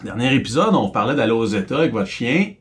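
A podcast co-host with a Quebec French accent and a mid-range voice tells a story in a very animated way. His casual delivery is full of rising questions and quick asides.

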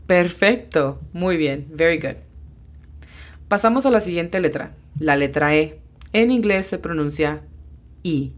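Woman, deep voice, patient lesson host who breaks pronunciation down slowly. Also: animated. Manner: patient, explains step by step, slows down to spell out sounds. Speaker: English teacher hosting a lesson podcast. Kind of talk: bilingual language lesson.

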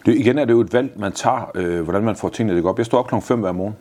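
Interview guest, man in his 50s, very low husky voice, blunt and swearing. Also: dark tone. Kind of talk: casual interview answers.

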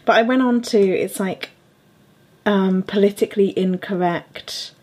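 A woman's voice: mid-range voice, measured pace, a little mellow. A young adult woman hosting a podcast, chatting casually with plenty of fillers and frequent laughter. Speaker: podcast host.

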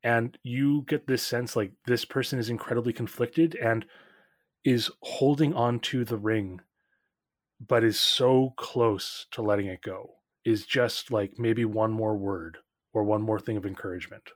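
A man's voice: medium pitch, fairly even intonation, a little slow, no room sound, studio quality. A man narrating as game master in a tabletop game, casual, with lots of fillers.

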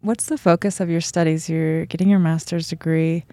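A woman interviewer asking curious, gently encouraging questions in a casual interview. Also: deep voice, fairly even intonation, moderate pace, dry recording.

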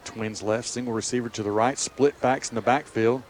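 A man's voice: mid-range voice, steady tone, brisk. A man calls a football game live on radio. His mid-range voice carries over outdoor background noise as he describes formations and plays. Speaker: play-by-play sports announcer.

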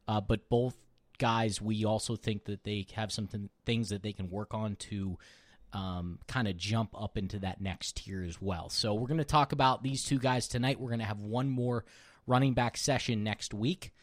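A man hosting a casual sports podcast, relaxed and chatty, sometimes talking while eating. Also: on the low side, moderate pace, no echo. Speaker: podcast host.

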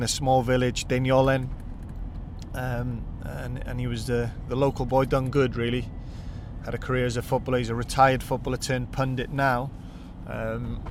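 A Welsh podcast host, whose first language is Welsh and who speaks with a Welsh accent, chats casually and upbeat while driving on the road. His voice is mid-range, with slight background noise.

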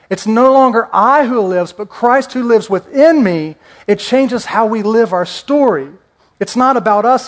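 A male pastor preaching a conversational sermon, joking and asking the congregation questions. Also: sits high.

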